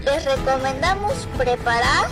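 A woman's voice: high voice, animated, unhurried, music in the background. A woman playing a welcoming flight attendant in a scripted ad. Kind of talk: scripted charity airline ad.

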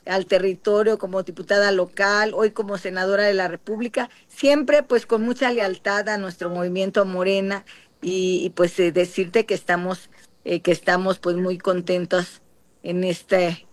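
A woman's voice: mid-range voice, steady tone, no echo. Mexican woman talking in a dry room. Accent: Mexican, from the Guerrero coast. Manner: measured, many filler pauses. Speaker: interviewed senator and candidate. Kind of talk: broadcast interview answers.

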